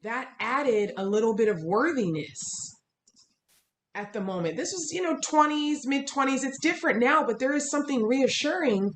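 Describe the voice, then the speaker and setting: A woman's voice: high-pitched, lively intonation, normal speed. A woman interview host and fitness coach, talking in a reflective, encouraging way and asking long open questions. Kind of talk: casual conversational interview. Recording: echoey room with faint background noise.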